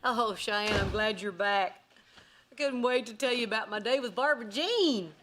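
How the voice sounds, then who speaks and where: An actress playing a sarcastic, quick-witted middle-aged mother in a sitcom. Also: a little high, very noisy, lightly acted. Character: wry, sharp-tongued woman, middle-aged mother. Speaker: sitcom lead. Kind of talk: sitcom acting.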